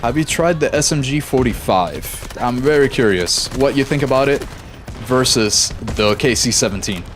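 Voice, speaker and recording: This young streamer chats easily with his audience while playing a shooter live, reading chat out loud and reacting quickly mid-fight. His voice is medium-pitched and animated, and there's slight background noise. The whole thing is a casual, chatty live-stream conversation during gameplay.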